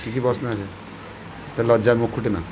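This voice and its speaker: A man's voice: medium pitch, level tone, a little fast, a little mellow, a little hiss or hum. A devotional preacher, a man, giving practical instructions and coaxing his audience to ask questions. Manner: coaxing, instructive, urging the audience with repeated commands. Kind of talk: devotional question-and-answer talk.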